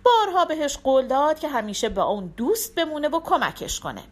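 A woman reads a folk tale aloud with expressive storyteller energy. Her voice is high and climbs and dips a great deal. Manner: expressive, animated. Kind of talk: storybook narration.

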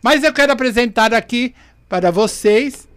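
A man's voice: extremely high pitch, normal speed, fairly bright tone, clean tone. A man hosting a podcast, jovial and asking his guest questions. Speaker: podcast host. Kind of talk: casual podcast chat.

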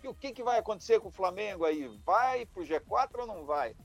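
A man reports weather and football on a morning radio show, upbeat and talkative. His voice sits fairly high, with faint music behind. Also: a little fast, creaky. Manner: lively, repeatedly addressing the host. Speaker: weather and sports correspondent.

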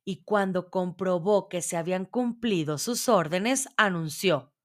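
A woman storyteller narrating a children's fairy tale in a measured, expressive reading voice. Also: lowish voice.

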